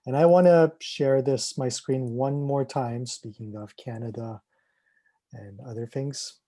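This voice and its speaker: A man's voice: mid-range voice, steady tone, measured pace, dark tone, no room sound. A man moderating an online panel discussion in a casual, accommodating way. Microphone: video call.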